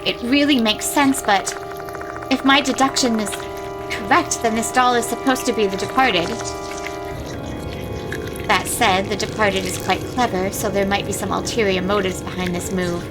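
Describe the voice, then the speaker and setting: A woman with a mid-pitched voice plays through a story game, reading the text aloud and commenting casually. She is expressive, blunt and freely sweary. Music plays clearly behind her. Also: normal speed, rough recording.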